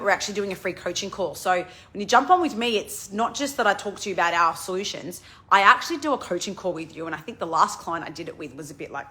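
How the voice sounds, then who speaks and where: A woman, talking fast and excitedly as a project manager on a casual live stream, full of fillers and restarts. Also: mid-range voice.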